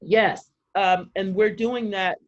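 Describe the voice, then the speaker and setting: A woman's voice: mid-range voice, steady tone. Energized woman on a muffled video call. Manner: energized, talks fast with many fillers and quoted voices. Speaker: community organizer in a video call. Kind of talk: excited casual chat.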